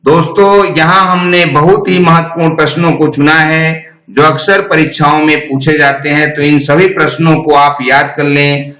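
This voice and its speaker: A man reading exam quiz questions and their answer options in a slow, deliberate recitation. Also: on the high side, bright, forceful tone, echoey room, poor audio. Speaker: exam prep teacher.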